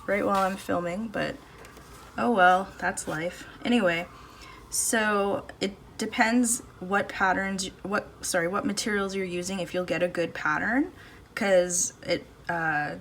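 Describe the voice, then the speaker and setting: Her voice sits on the low side and sounds a bit bright as she chats through a casual painting demo for her art channel, thinking aloud at her worktable. A phone camera overhead, with no external mic, records her indoor home studio along with faint street and household noise.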